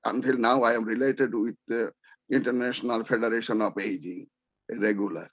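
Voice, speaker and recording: A man from Bangladesh speaking up on a video call, rambling and halting, repeating words and losing track of names. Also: medium pitch, fairly even intonation, a bit bright, dry recording. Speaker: audience member asking a question. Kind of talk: rambling audience comment over video call. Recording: dry muffled call audio.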